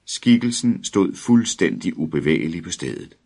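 Low-voiced guy reading a spooky story aloud, steady and measured. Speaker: narrator. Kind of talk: dramatic audiobook reading.

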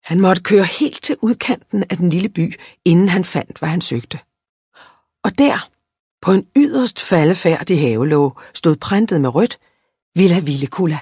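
A narrator giving an expressive, lively storybook reading aloud. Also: medium pitch, breathy edge, no room sound, clean studio sound.

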